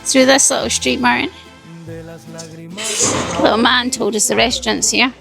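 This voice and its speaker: A woman from the UK hosting a travel vlog, talking in a chatty, wry and animated way. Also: fairly high pitch, unhurried, vocal fry, over music. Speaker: travel vlogger. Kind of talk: casual travel vlog chat.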